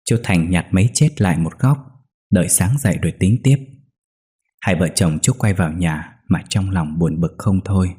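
A man narrating a ghost story in a steady, suspenseful scripted read. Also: low voice, normal speed, husky. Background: faint music.

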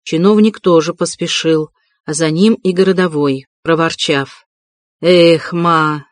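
A narrator giving a measured, dramatic audiobook reading. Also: mid-range voice, dry recording.

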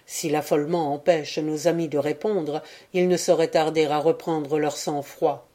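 A woman voicing an earnest adult man in an audiobook, speaking in an urgent yet steady way. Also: low voice, normal speed. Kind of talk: audiobook character reading.

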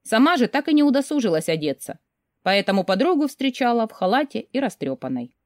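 A woman narrating a first-person novel in an emotional, expressive storytelling manner. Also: fairly high pitch, fairly quick, no echo, clean studio sound. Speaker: audiobook narrator.

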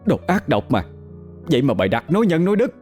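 A man's voice: big pitch swings, normal speed, dark tone, soft background music, close to an everyday voice. A man voicing a greedy middle-aged village woman who wails and scolds shrilly in a told story. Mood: scolding. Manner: wailing, shrill, self-pitying. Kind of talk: storytelling with voices.

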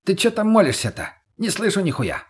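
Coarse, mocking lowlife, put on by a male narrator, raised pitch, husky. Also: very animated, a little fast, heavily acted. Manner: coarse, swearing, sneering. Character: crude, mocking young male drifter.

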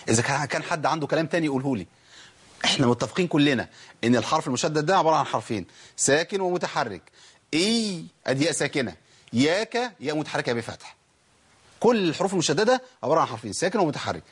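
A man with an Egyptian accent teaching Quran recitation, who asks the class questions, answers them himself, and draws out example words slowly. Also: fairly high pitch, husky. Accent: Egyptian Arabic. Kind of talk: tajweed lesson.

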